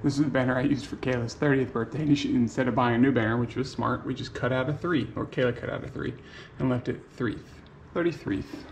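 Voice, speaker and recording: A man's voice: medium pitch, a little fast, gravelly, slight background noise, low-quality recording. Chatty man in his thirties vlogging. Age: 30s. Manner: easygoing, chatty, talks straight to camera. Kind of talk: casual vlog narration. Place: apartment living room and kitchen, then restaurant and brewery. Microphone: handheld camera at arm's length.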